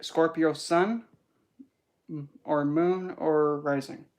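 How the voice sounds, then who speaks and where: A speaker giving a casual esoteric teaching talk as a spiritual teacher, in a rambling, animated, chatty way. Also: mid-range voice, slow.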